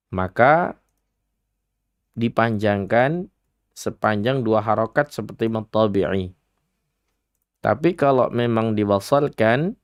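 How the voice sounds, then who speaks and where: An Indonesian-accented man leads a children's Quran reading lesson on a radio program, speaking unhurriedly and breaking each word into its letters. His voice is smooth and resonant. The studio sound is dry and close. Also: on the low side, dry recording. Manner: patient, explains letter by letter and chants verses slowly as examples. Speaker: Quran recitation teacher for children.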